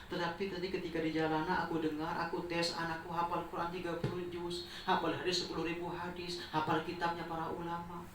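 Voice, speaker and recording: A man voicing an indignant middle-aged father, shouting and then pleading, recorded in a roomy space from a distant mic. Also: fairly high pitch, monotone, fast talker, hardly any pauses, slight background noise, lightly acted. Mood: remorseful.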